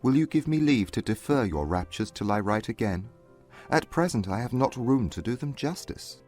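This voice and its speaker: An actor playing a proud, reserved young gentleman in a dramatised period novel, speaking in formal, precise arguments. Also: medium pitch, sing-song, normal speed, faint music behind. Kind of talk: dramatised classic novel audiobook.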